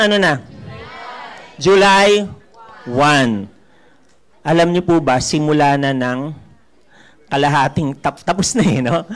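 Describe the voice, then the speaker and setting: Filipino man, high voice, mentor working a live seminar room, animated and teasing. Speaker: network marketing mentor. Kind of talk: live seminar talk to an audience.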